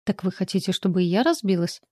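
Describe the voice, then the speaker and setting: A woman's voice: lowish voice, lively intonation, fast talker, a little mellow, no echo, studio quality. A woman voicing an irritable young heroine who speaks indignantly and exclaims.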